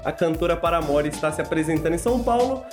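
A man with a Brazilian accent and a smoker's rasp hosts a casual live podcast monologue, with a playfully mock-grandiose manner. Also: a little high, expressive, quick pace, music in the background. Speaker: podcast host.

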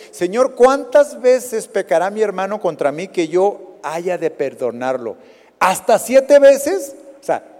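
A man with a Mexican Spanish accent preaching a sermon, swinging between loud dramatic rises and quiet fading endings. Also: high voice. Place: church hall. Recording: reverberant hall recording.

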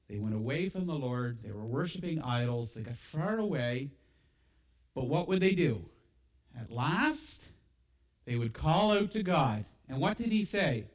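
A man's voice: medium pitch, rough recording. A man preaching a sermon, asking his listeners rhetorical questions and quoting scripture. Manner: animated, asks the congregation rhetorical questions.

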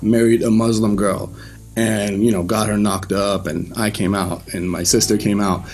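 A man from Iran giving his personal faith testimony to a church group in a casual, loose way, with frequent pauses and restarts. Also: fairly low pitch, level tone, darkish tone, soft background music.

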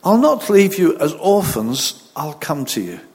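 A man, a pastor at a pulpit microphone, reading scripture, praying and preaching in a measured, deliberate way. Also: a little high, sing-song, slightly rough. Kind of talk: sermon with scripture reading and prayer. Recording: long reverb of a large hall.

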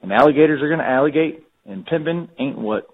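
A man's voice: fairly high pitch, fast, creaky, husky. A man calling in to a podcast hotline, leaving a casual, rambling voice message full of fillers. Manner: chatty, filler-laden, keeps saying "I gotta say". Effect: phone voicemail. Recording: tinny phone-line voicemail.

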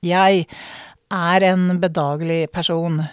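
Woman, middle-aged, from Norway, storyteller, measured and reflective, dry close recording. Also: lowish voice, level tone, clean tone, dry recording. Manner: measured, reflective, with drawn-out dramatic words. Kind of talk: spoken storytelling performance.

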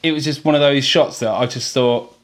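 A man co-hosting a casual football podcast, chatty and quick to laugh. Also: mid-range voice, steady tone. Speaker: podcast co-host.

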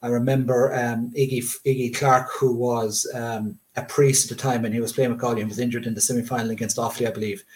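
A middle-aged Irishman from Limerick speaks in a west of Ireland accent. His pitch moves little as he reminisces about sport, laying out details in a measured, conversational way. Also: flat delivery, darkish tone.

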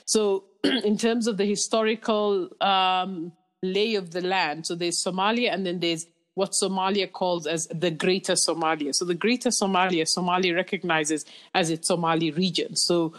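A woman's voice: lowish voice, steady tone, moderate pace, hardly any pauses. A woman from Kenya, a podcast guest, explaining at length in a reflective way with frequent restarts. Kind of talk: casual interview talk.

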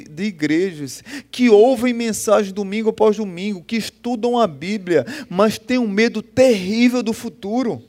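A man preaching a sermon, impassioned, swelling and dropping in loudness and acting out voices as he tells stories. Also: very high-pitched. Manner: impassioned, rising and falling in loudness; acts out quoted voices in storytelling.

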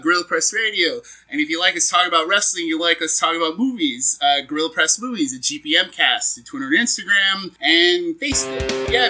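Bright-voiced laughing podcast host man. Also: high voice, poor audio. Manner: laughs often, loose and rambling. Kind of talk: casual chat.

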